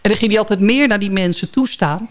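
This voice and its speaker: A woman sits in a radio studio as a guest, spinning anecdotes in relaxed, chatty fashion. She stumbles and restarts often, her tone lively. Her voice sits at an ordinary middle pitch. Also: fast. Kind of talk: casual storytelling chat.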